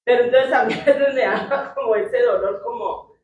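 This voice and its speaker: A woman's voice: fairly high pitch, moderate pace, darkish tone. A woman, a church member and mother, sharing a personal testimony and quoting her family's words. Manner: storytelling, quotes family dialogue. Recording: distant, roomy, dull sound.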